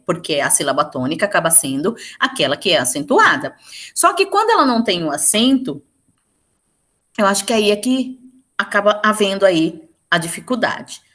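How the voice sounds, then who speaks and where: A woman teaching grammar for an exam-prep class, with a mid-range voice. She walks through rules step by step, often checks in with her listeners, and slows right down to stress each example word. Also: medium pitch, a bit bright. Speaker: Portuguese teacher.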